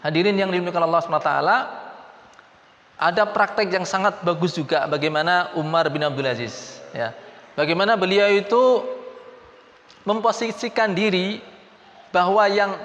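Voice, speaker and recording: A man's voice: high voice, a bit bright. A man with a Javanese accent preaching a mosque sermon, often asking the audience questions. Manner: mixes Javanese and Indonesian, asks the audience questions. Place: mosque hall. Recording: echoey mosque hall.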